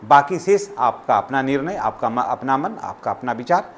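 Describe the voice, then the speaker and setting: A man, hosting a channel and reading out an exam syllabus topic by topic in quick, repetitive instructions. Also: mid-range voice, expressive, a little hiss or hum. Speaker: channel host.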